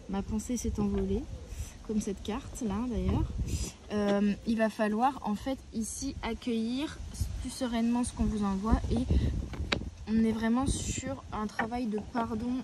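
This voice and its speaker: A woman giving weekly oracle card guidance outdoors, gentle and reassuring, often pausing to search for her words. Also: a little high, background noise. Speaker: tarot and oracle card reader. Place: outdoors, near a tree.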